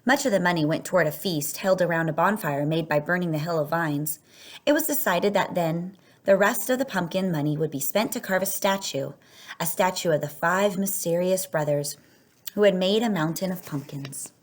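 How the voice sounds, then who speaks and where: Reading to children from a picture book, the female narrator uses a low register and an expressive style, elongating words to stress them.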